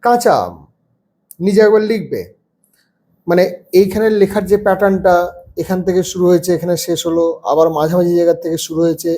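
A man's voice: high-pitched, brisk, long pauses, dark tone. A man teaching young children from a textbook, patiently spelling words out letter by letter. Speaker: primary school teacher.

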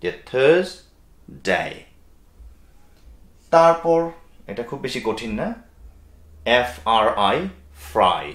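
A man's voice: mid-range voice, a little slow, pauses often, a bit bright. A man giving a spoken English pronunciation lesson, explaining step by step, spelling out letters and mixing in English phrases. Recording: roomy echo.

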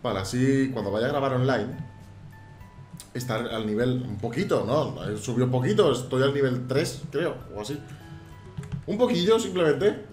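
A man giving casual let's-play commentary, animated and prone to shouted exclamations. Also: medium pitch, moderate pace. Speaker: gaming YouTuber. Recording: roomy sound with faint game music.

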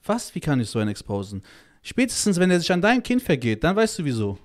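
This child-protection activist, appearing as a podcast guest, speaks fast in a slightly high voice with huge swings in pitch. The conversation is casual but heated and emphatic, and he's crude and blunt, swearing, using heavy slang, and repeating "Alter" again and again.

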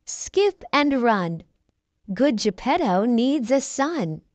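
A calm, gentle fairy speaking in slow, measured words in a storybook, as a woman reads her. Pitch rises and falls gracefully, dry and close. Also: no echo. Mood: solemn. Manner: slow soft measured speech. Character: serene magical fairy woman in blue.

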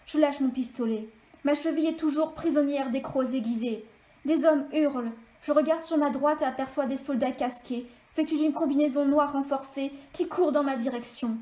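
High-voiced woman reading her novel. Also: warm tone. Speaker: author. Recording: echoey room.

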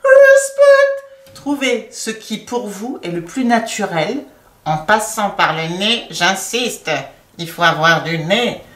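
Lady singing teacher explaining head voice, slow and patient, echoey room a bit off mic. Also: on the low side, distant mic. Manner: slow, explanatory, demonstrates sung notes. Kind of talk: vocal lesson with sung demonstrations.

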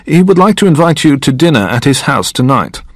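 A man's voice: fairly high pitch, sing-song, a little fast, dry recording, studio quality, voice pushed up. A man doing a formal hotel porter. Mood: courteous. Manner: formal, courteous. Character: courteous male hotel staff member.

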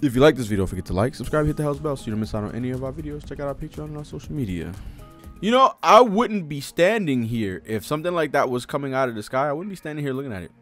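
Racing through his words, a young American man delivers expressive, casual live commentary laced with slang and swearing as a manga reaction host. His medium-pitched voice is fairly bright, picked up by a desktop mic right in front of him. Faint music sits behind him in his cluttered home room.

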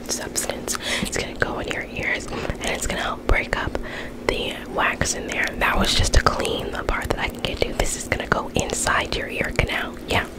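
A young adult woman performs an ASMR role-play as an ear cleaner in a small indoor bedroom, speaking in a breathy, unvoiced whisper and giving instructions with repeated phrases. The audio quality is poor.

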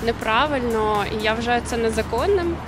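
A young woman stopped on a city street gives a measured answer into a reporter's handheld mic, pausing to weigh her words. Her voice sits a little high. A clear music bed plays under her. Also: animated. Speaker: passer-by in street interview. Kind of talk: street vox pop answer.

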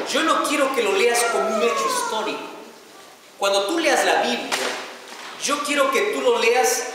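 A male pastor delivers a sermon in a big church sanctuary, his voice rising and falling widely as he questions the congregation. He stretches out key phrases slowly for weight. The sound is distant and heavily echoey, with a long reverb tail. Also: extremely high pitch. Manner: asks the congregation rhetorical questions; slow, drawn-out emphasis on key phrases.

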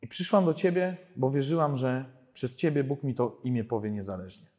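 A man giving an animated personal testimony at a prayer group conference, acting out the dialogue in his stories. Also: fairly quick. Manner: storytelling, acts out dialogue with pitch jumps. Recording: hall reverb.

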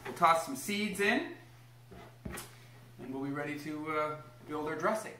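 In this casual cooking demo, a young man hosts from his echoey home kitchen, voice slightly high, bright, and pushed, at a measured pace. There's a bit of background noise as he explains each step cheerfully and encourages a small child who's helping.

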